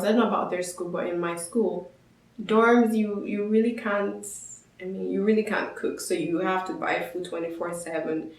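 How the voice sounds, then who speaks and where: A young woman from Nigeria, a student vlogger, giving casual, upbeat advice to her viewers. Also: lowish voice. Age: young adult. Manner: chatty, explanatory, upbeat. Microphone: camera mic. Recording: echoey room.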